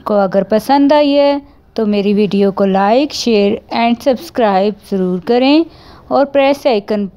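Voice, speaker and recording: A woman with a Pakistani Urdu accent hosting a home cooking vlog, speaking slowly and gently and adding pious blessings. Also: fairly high pitch, smooth, lo-fi sound. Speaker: cooking channel host. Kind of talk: recipe vlog narration.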